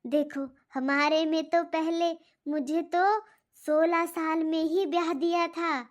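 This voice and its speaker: A woman voicing a stern, nosy old grandmother who lectures slowly in a cartoon. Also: very high-pitched, little pitch movement. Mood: reminiscing. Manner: slow, lecturing, reminiscing. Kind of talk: cartoon voice acting.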